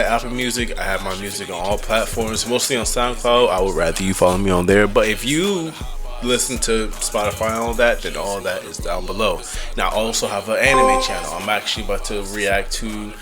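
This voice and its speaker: A man's voice: fairly low pitch, normal speed, music in the background. A man hosting a reaction channel, talking casually in slang with easy swearing.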